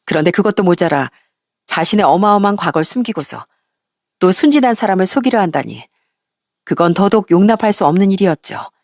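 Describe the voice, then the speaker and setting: A woman narrating a first-person story in a steady, even storytelling manner. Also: mid-range voice, fairly quick, no echo, clean studio sound.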